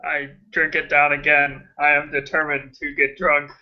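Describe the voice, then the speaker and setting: A man's voice: on the high side, monotone, normal speed, dull audio. A man playing in a casual tabletop role-playing game over voice chat, joking and playing up his character's lines. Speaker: player.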